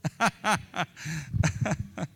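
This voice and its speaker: A male pastor, preaching a live sermon in an animated, teasing way and acting out complaining voices. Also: fairly high pitch, very slow, gravelly, husky.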